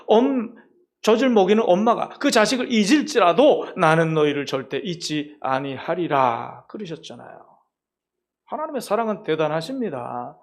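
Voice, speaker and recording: A male pastor preaching a sermon, emphatic and putting rhetorical questions to his congregation. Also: high-pitched.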